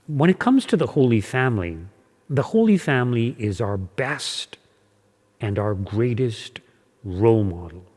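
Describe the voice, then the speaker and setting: A parish priest gives his Sunday homily from the altar, his voice neither high nor low. He preaches in a measured way and slows down to lean on the key words. The sound rings out with the long reverb of a church. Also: expressive, a little mellow. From born in Hungary, raised in Canada.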